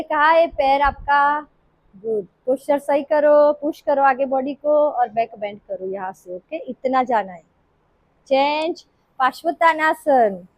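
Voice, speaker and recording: A woman leading a live yoga class, calling out poses in short, brisk commands. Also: sits high, low-quality recording. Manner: brisk, commanding cues mixing Hindi and English. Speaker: yoga instructor.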